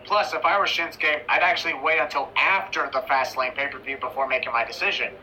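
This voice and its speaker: Man, sarcastic commentary narrator, slightly high voice, clear background noise. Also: a little fast, poor audio. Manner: sarcastic, critical. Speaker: video narrator. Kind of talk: scripted commentary voice-over. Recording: voice-over with steady background noise.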